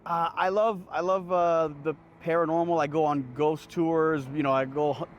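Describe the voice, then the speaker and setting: A man's voice: fairly high pitch, little pitch movement, moderate pace, dull audio, a little hiss or hum. A man answering casually in an interview as an event volunteer.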